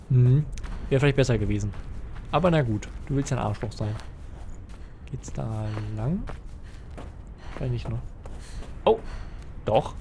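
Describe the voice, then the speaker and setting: Young guy doing a lets play, swears constantly, gravelly fry in his voice. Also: medium pitch, a little hiss or hum. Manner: excitable, swears a lot, thinks aloud. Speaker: let's player. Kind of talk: casual gameplay commentary.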